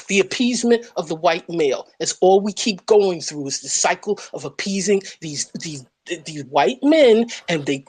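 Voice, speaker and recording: A woman's voice: fairly low pitch, slightly rough. A young woman speaking bluntly and emphatically in an online audio room, repeating her points and swearing. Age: young adult. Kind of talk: impassioned casual debate.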